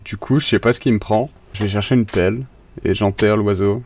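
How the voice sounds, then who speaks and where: A man's voice: fairly low pitch, steady tone, a little fast. A man telling a personal anecdote in a plain, slightly hesitant way. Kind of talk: casual storytelling.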